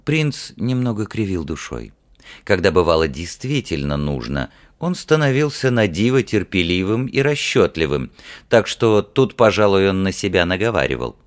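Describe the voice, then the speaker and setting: A man narrating a fantasy audiobook in a measured, even storytelling manner. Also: sits low.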